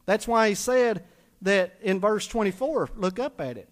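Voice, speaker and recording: A man preaching a sermon, with a very high voice for a man. He drives his points home with emphatic repetition and strings of rhetorical questions. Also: lively intonation, unhurried. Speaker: pastor.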